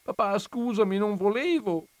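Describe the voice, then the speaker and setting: A man voicing a small, eager alien boy who talks in a high, childish, pleading way. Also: expressive, a little slow, dry recording.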